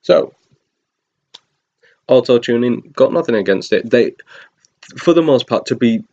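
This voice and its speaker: A man's voice: medium pitch, animated, unhurried, a little mellow. A man giving a casual spoken film review, rambling with frequent ums and restarts and the odd chuckle. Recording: dull lo-fi recording.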